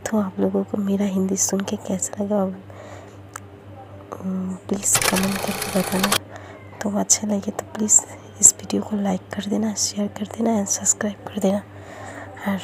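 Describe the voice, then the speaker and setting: A woman with a Bengali accent and a hoarse voice from a cold, chatting haltingly in a vlog from her home kitchen, often stopping to search for words. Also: medium pitch, completely flat delivery, noisy background. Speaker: lifestyle vlogger. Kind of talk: casual vlog chat.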